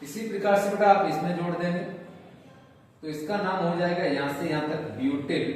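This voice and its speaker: Male tutor, fairly high voice, patient and repetitive, recorded far from the mic in an echoey room with faint noise. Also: a little fast, a little mellow. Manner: patient, repetitive, calls students "beta". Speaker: chemistry teacher. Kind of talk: classroom lecture. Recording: roomy echo, distant mic, faint noise.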